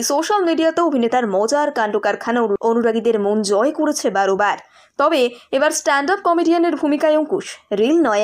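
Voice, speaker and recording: A woman narrates entertainment news in a high-pitched voice. She reads from a script, as a reporter presenting a showbiz story.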